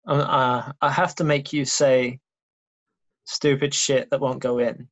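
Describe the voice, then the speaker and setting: A man co-hosting a podcast in casual conversation. His humor is dry and teasing toward his partner. He also reads the show's introduction in a plain, even way. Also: medium pitch, a little slow, lo-fi sound. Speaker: podcast co-host.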